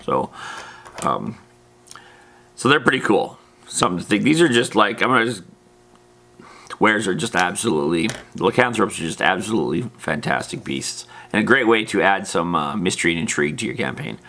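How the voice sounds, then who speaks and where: A low, sing-song voice with vocal fry and a sharp edge comes through at normal speed. The man presents a tabletop gaming video series, explaining informally and without a script in slangy terms that drift into asides, with faint background noise.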